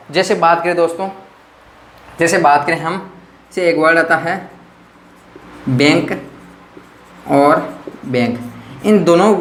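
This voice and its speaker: High-voiced teacher, echoey room. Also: male voice, fairly bright tone. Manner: repetitive question-and-answer teaching, addressing viewers as friends. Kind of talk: exam-prep grammar lesson. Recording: echoey room with faint noise.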